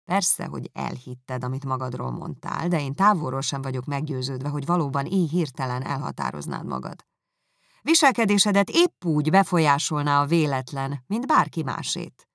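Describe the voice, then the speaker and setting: A woman reading aloud, voicing a reserved, proud young gentleman who speaks in a cool, measured way. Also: low voice, very animated, no room sound, studio quality. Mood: lecturing. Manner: cool, measured, dryly critical.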